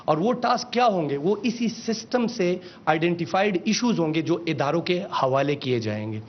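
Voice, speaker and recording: A man, a government official giving a formal press briefing on a system, mixing in English phrases and calling out each slide. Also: expressive. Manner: mixes in English phrases, calls out slide changes. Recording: dull lo-fi with faint rumble.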